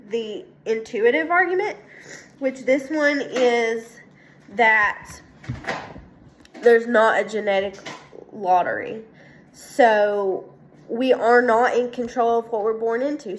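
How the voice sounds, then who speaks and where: Young female student, congested, slightly high voice, unhurried, halting delivery with frequent fillers. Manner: hesitant, many ums and restarts. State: congested from a sinus infection. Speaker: student presenting a weekly assignment. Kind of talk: casual spoken class presentation.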